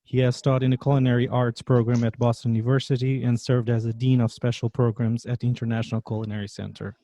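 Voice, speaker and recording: A man's voice: mid-range voice, level tone, fast talker, dark tone, no echo. A man from Portugal with a Portuguese accent, hosting a podcast interview with an upbeat, scripted welcome. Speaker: podcast host.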